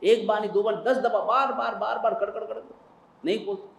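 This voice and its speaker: A man's voice: high voice, fairly even intonation, fairly quick, vocal fry. A man preaching a sermon and telling a story, with emphatic, repetitive phrasing. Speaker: Jain preacher. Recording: roomy hall with faint ambience.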